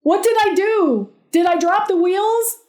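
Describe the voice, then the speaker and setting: A woman voicing a panicky, cocky adult boyfriend who yells and whines. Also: measured pace. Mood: panicked. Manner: yelling, frantic, high-strung.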